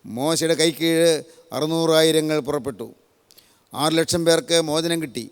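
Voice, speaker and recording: An older man from Kerala, India, preaches a solemn, repetitive sermon, piling up one parallel phrase after another. His voice is a little high and smooth, at a moderate pace, with long hall reverb in the recording.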